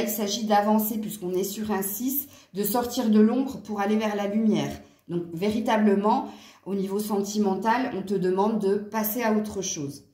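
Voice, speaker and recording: A woman's voice: mid-range voice, darkish tone. A woman giving a casual tarot reading to her viewers, chatty and hesitant with many fillers, sounding tired. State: tired from poor sleep. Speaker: tarot card reader. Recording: echoey room.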